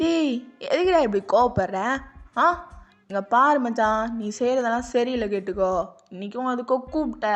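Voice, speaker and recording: A woman's voice: a little high, natural voice. A woman voicing a blunt, teasing young man who ribs his friend over drinks, in slangy talk. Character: teasing, bossy young male drinking buddy. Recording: dull lo-fi audio with music.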